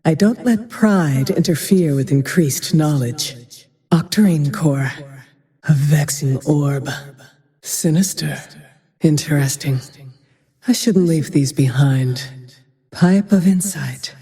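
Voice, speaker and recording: A woman voicing a grim, vengeful, haunted female ranger hero in a fantasy game, with terse, brooding, breathy lines. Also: deep voice, dark tone, heavily acted. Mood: cool, terse. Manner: measured, terse, brooding delivery. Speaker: video game voice actor. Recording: long reverb on the voice.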